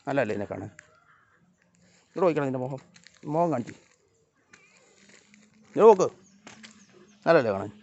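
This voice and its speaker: A man filming a casual vlog outdoors around his house, talking softly to viewers and calling out loudly to his cats and dogs. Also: mid-range voice, animated, quick pace, gravelly, long pauses. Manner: calls and scolds animals in raised voice, chats softly to viewers. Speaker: vlogger. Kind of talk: casual vlog narration to camera while feeding pets. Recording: slightly dull lo-fi phone audio.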